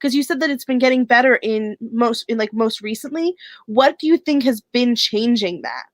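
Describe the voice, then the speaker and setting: A woman's voice: fairly high pitch, animated, moderate pace, dry recording. A woman interviewing a guest over a video call, asking questions hesitantly with many fillers.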